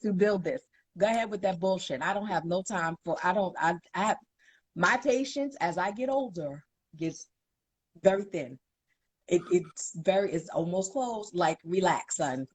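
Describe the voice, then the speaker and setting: A woman's voice: mid-range voice, normal speed, slightly rough, no room sound. A woman in her forties from Brooklyn with a Brooklyn accent, a model guest chatting in a sassy, emphatic, playful way. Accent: Brooklyn New York. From Bed-Stuy, Brooklyn, USA. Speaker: guest, plus-size model. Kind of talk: casual interview chat.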